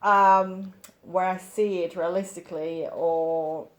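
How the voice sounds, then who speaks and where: A woman in her forties, raised in Sweden, giving thoughtful, hesitant interview answers as an artist, with many pauses and ums. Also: on the low side, fairly even intonation. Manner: thoughtful, hesitant, with frequent ums and light laughs.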